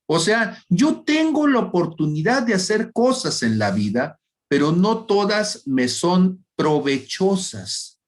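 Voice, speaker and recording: Guy teaching bible class, slow and careful, keeps asking if folks follow. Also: mid-range voice. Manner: deliberate, asks "¿sí?" to check listeners. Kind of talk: unscripted Bible class lecture.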